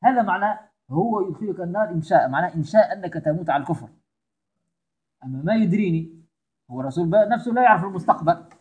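Tunisian male religious teacher, slightly high, husky voice, emphatic and repetitive delivery. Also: expressive, very fast, darkish tone. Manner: emphatic, repeats key phrases. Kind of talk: religious lesson.

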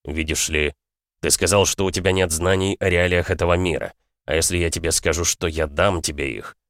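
Man voicing cold, deep-voiced aristocrat father. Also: fairly bright tone, no room sound, studio quality. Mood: cool. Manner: measured, patient, coldly matter-of-fact. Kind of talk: audiobook character voice.

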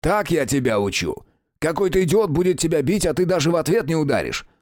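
A man voicing a blunt, gruff male fight master who scolds his pupil. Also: on the high side, very animated, quick pace, a little mellow, no echo, studio quality, pitched above the performer's own voice.

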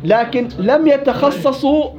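A man's voice: extremely high pitch, measured pace, crowd noise. A man teaching a recitation class, asking students questions and quoting verses. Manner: questioning, explains with examples and quoted verses. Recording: dull lo-fi classroom recording.

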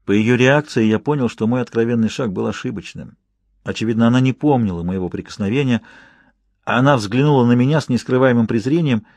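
A man narrating an audiobook in the first person, in a calm, measured reading. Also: mid-range voice, no room sound.

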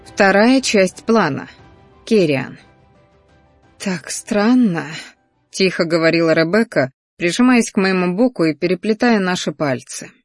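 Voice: mid-range voice, animated, normal speed, no room sound, soft background music. Dry close-miked audiobook reader. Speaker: audiobook narrator. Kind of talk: first-person fantasy romance audiobook reading.

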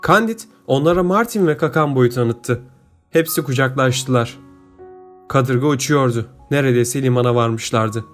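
Steady male audiobook narrator. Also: mid-range voice, moderate pace, soft background music. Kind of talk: scripted narration.

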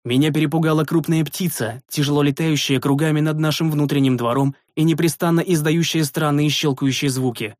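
A man's voice: on the high side, steady tone, brisk, few pauses, no echo. Man narrating a story, dry sound. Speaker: audiobook narrator. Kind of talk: first-person fiction narration.

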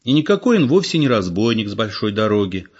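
A man's voice: lowish voice, big pitch swings, fast talker, slightly rough, lo-fi sound. A man reading aloud voicing a bold young village woman who speaks breezily. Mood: breezy. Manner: breezy, matter-of-fact.

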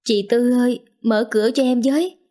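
A woman's voice: fairly high pitch, steady tone, moderate pace, dark tone, voice pushed up, close to an everyday voice. A woman voicing a tearful younger sister who pleads through sobs. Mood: tearful pleading. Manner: sobbing, pleading. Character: tearful younger sister fleeing drunk husband.

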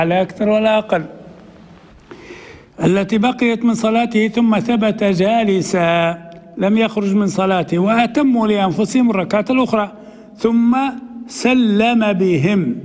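Male sheikh reading a text aloud then explaining it, highish voice, hall reverb. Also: darkish tone. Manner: reads quoted text slowly, then explains in a conversational aside. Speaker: sheikh teaching hadith commentary. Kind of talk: classical Arabic lesson, reading and explaining a text.

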